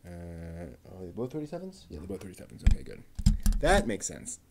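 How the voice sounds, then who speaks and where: In a gravelly, low-pitched voice with huge pitch swings, a man talks fairly quickly against a noisy background. The show host is building a model kit, muttering to himself and announcing part numbers casually as he works.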